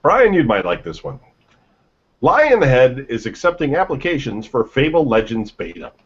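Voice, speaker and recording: Reading out gaming headlines before riffing on them with jokes and free swearing, this man keeps his casual podcast loose. His medium-pitched voice has huge pitch swings, a breathy edge, and a moderate pace, heard through dull lo-fi sound.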